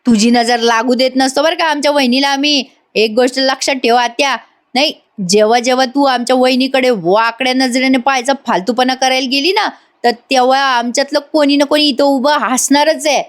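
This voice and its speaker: A woman's voice: high voice, steady tone, a little fast, close to an everyday voice. A woman voicing a cheeky young village man, teasing and loyal to his sister-in-law. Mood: scolding.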